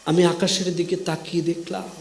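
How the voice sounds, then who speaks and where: A man's voice: a little high, flat delivery, fairly quick, creaky, roomy sound. A man telling a devotional scripture story as a sermon, with dramatic wailing and repeated lines. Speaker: Bhagavata storyteller preacher.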